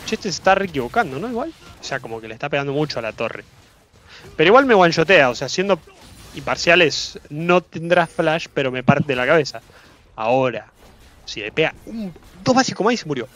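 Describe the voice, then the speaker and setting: Talking fairly quickly in a highish voice, this Rioplatense Spanish-accented streamer excitedly comments on his gameplay live, cursing casually and saying the same phrases over again.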